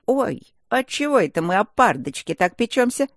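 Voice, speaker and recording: A narrator voicing a chattering, cheeky female stone gargoyle in a fantasy audiobook, talking fast and mouthy. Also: medium pitch, very animated, no room sound, clean studio sound, pitched above the performer's own voice. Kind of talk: audiobook character voice.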